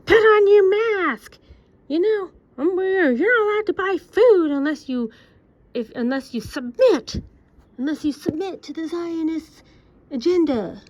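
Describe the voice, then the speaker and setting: A woman voicing a shrill, bossy official who yells orders, in a mocking way, on a dull lo-fi recording. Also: measured pace, no room sound. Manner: yelling, mocking.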